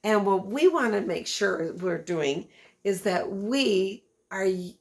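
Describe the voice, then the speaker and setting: A woman school guidance counselor reading a storybook aloud and talking gently to students about kindness. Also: medium pitch, lively intonation, slow. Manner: gentle, explanatory, addressing students. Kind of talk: storybook read-aloud and lesson for children.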